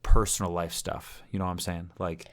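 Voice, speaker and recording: A man's voice: sits low, flat delivery, a little fast. A man hosting a podcast, chatting casually and self-deprecatingly with a guest and laughing often. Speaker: podcast host and streamer.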